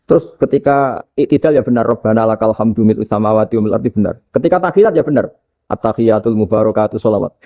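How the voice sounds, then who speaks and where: A man with a Javanese accent giving a casual religious lecture, telling lively stories and chanting Arabic examples. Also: lowish voice, fast talker, narrow, tinny audio. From Indonesia. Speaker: Islamic preacher.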